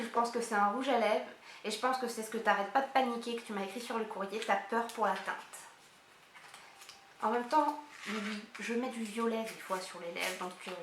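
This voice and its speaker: A woman vlogger chatting excitedly as she unboxes gifts, thinking aloud as she goes. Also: fairly high pitch, normal speed. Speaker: beauty vlogger. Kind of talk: casual unboxing chat. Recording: roomy echo, faint hiss.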